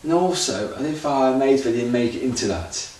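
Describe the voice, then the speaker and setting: On an unscripted audition tape, an actor rambles off the cuff with loose grammar and frequent restarts. His mid-range voice has lively intonation, a slightly fast pace and a little mellowness. The recording is distant from the mic in a very echoey room, with faint noise.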